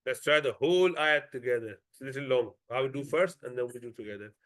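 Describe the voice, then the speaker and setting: A man teaching a Quran recitation class, explaining rules briskly and chanting verses slowly for the class to follow. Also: medium pitch, fairly bright tone. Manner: switches between brisk explanation and slow melodic chanted recitation. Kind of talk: tajweed class, modelling recitation.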